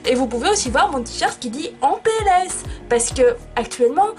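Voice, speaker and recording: Young female vlogger, playful and self-deprecating, slightly high voice, casual chat from her bedroom. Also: lively intonation, fairly quick, darkish tone, faint music behind. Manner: chatty, self-mocking, playful. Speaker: YouTuber.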